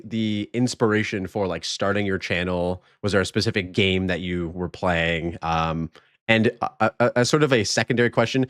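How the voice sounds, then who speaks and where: A man with a lowish voice hosting a laid-back live podcast, chatting loosely and filling gaps with "like" and easy laughter. His voice sits dry and close on the mic, with no room sound around it. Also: dry recording. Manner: laughs often, many "like" fillers. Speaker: podcast host. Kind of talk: casual live-streamed podcast chat.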